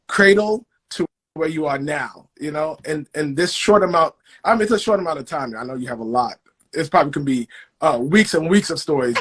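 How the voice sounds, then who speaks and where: An enthusiastic interview host who rambles in quick bursts, inviting a guest to tell her story. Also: medium pitch, husky. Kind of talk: interview host, casual chat.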